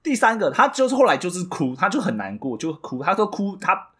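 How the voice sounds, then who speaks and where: A man's voice: high-pitched, sing-song, a little fast, bright, forceful tone, husky. A man with a Taiwanese Mandarin accent co-hosting a podcast, telling a story animatedly and jokingly, stumbling over restarts. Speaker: podcast co-host. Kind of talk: casual comedic chat.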